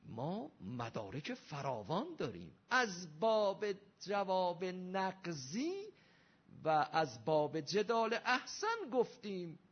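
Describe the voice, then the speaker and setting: Husky man giving an emphatic religious lecture. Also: fairly high pitch. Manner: rhetorical questions, emphatic rising delivery. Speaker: Shia cleric lecturer. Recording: dull lo-fi recording.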